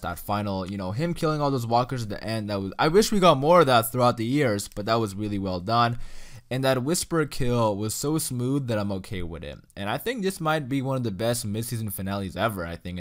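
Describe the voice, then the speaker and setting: A young man giving a casual, enthusiastic ranking commentary, full of "you know" and "like.". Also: lowish voice. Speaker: YouTube reviewer.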